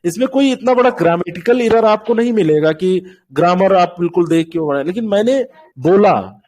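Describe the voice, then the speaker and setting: A man with a notably high voice leads an online doubt-clearing class, talking over a call mic. He explains things patiently and goes back over the same examples step by step. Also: animated, normal speed, darkish tone. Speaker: teacher.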